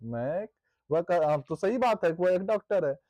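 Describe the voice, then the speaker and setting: A male teacher explains grammar step by step and repeats words while his students take notes. His voice is warm and mellow with a lively rise and fall. The recording is dry and close, with no room sound. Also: high-pitched, moderate pace, no room sound. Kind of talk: grammar lesson.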